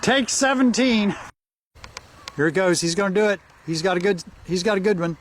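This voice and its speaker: A man filming a shoot and giving brisk, easygoing directions in short instructions. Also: high voice, slight background noise. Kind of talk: casual directions on a film shoot.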